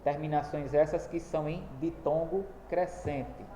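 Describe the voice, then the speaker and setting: A man's voice: fairly high pitch, fairly even intonation, a little slow, mellow. Man teaching a lesson in an echoey room. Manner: explanatory, repeating points with tag questions. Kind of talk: recorded classroom lesson. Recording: echoey room with faint background noise.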